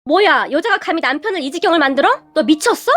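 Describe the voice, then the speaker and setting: A man's voice: extremely high pitch, animated, quick pace, sharp tone, heavily acted. A woman voicing a petty, short-tempered young husband who turns whiny and pleading. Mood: angry.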